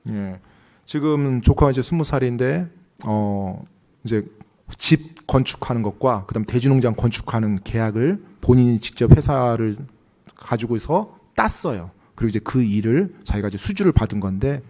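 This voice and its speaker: A man interpreting a sermon phrase by phrase, with lively, rising questions to the congregation. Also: medium pitch, moderate pace.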